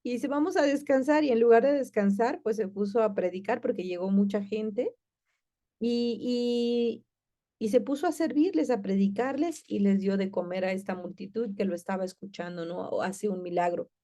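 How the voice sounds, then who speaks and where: A woman leads a Bible lesson, explaining in a relaxed, talky manner. She often pauses on fillers and restarts her sentences. Her voice is soft and dark in tone. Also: medium pitch. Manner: warm, conversational, with many fillers and restarts. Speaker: Bible class teacher.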